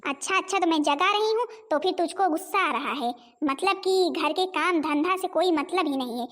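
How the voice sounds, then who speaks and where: A woman voicing a nagging, dramatic older mother-in-law who scolds loudly in a homemade cartoon. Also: extremely high pitch, moderate pace. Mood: indignant.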